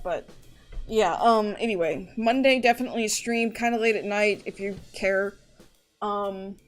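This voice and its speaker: A woman streamer chatting casually to her live audience, rambling and going off on tangents. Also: mid-range voice. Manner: rambling, chatty, often restarts and trails off.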